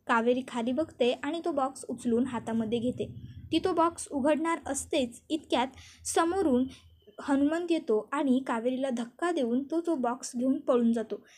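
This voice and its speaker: A woman's voice: high-pitched, normal speed, a little mellow. A woman retelling a TV serial episode as a story, narrating the scenes and reading the characters' lines aloud.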